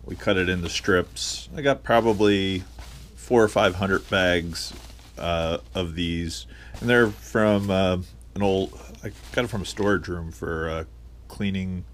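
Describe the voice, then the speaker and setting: A man's voice: sits low, fairly even intonation, measured pace, a little hiss or hum. A man giving a casual tour of his small home workroom, rambling with many fillers, recorded on a head-mounted camera. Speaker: online reseller. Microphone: head-mounted action camera.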